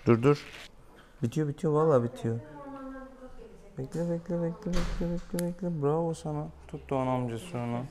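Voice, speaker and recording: In a small tiled veterinary exam room, a young man who is a vet chats casually and coaxes a pet playfully during treatment. His voice is a little high at a moderate pace, and a camera a few steps away captures it in a noisy room.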